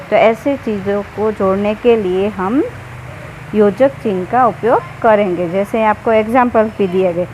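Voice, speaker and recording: A woman teaching a school grammar lesson, who explains slowly and asks questions she then answers herself. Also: mid-range voice. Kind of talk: online Hindi grammar lesson. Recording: slightly dull recording with faint background noise.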